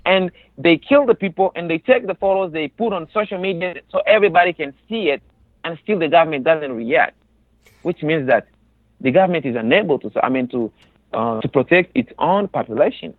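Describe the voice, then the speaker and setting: A man's voice: on the high side, lively intonation, dry recording. Young Congolese man on a tinny phone line. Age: 20s. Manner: earnest, halting with many restarts. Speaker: guest. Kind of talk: interview about personal experience. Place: on a phone call.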